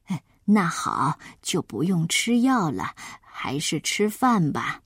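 Kindly old granny, hard of hearing, soft low doting voice, storybook reading, dry close sound, woman doing her. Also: very animated, slow pace, breathy edge, no room sound, full character voice.

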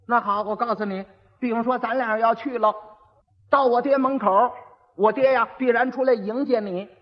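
A man's voice: very high voice, fairly even intonation, moderate pace. A man voicing a clever young bride who scolds and patiently coaches her husband, on an old dull recording with long reverb. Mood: exasperated instructing.

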